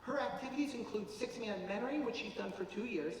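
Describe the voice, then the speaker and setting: A man presenting informally as a school official at a public meeting, halting a little as he reads out details. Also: high-pitched. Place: large auditorium, from the stage. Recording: very echoey auditorium, distant mic, faint noise.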